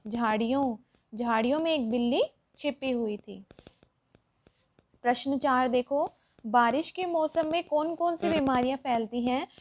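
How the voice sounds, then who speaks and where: A woman's voice: sits high, unhurried. A woman teacher explaining a worksheet lesson to children, patient and step by step.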